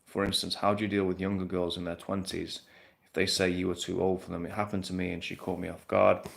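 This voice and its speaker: A man talks bluntly through viewer questions on a live stream. His voice sits low and gravelly, with a flat, level delivery and frequent casual swearing. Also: fast. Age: 30s.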